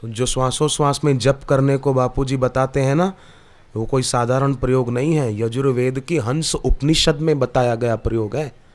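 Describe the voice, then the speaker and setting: A man's voice: medium pitch, steady tone, moderate pace, darkish tone. A man preaching a spiritual discourse to an audience, telling scripture stories with emphatic rises and quoted verses. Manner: storytelling with scriptural quotes, rising emphatic delivery. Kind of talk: Hindi satsang discourse. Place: discourse hall before an audience.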